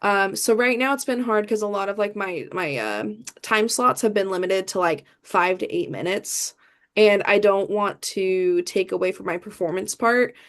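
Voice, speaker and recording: A young woman from the American Midwest, an idol performer appearing as a guest, answers interview questions chattily. Her voice is mid-range and her pace moderate, with many fillers and restarts.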